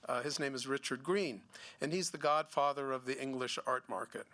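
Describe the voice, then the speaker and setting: A middle-aged man, a gallery owner giving a seminar talk, speaking haltingly with many restarts and fillers. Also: mid-range voice, sharp tone. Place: museum seminar room.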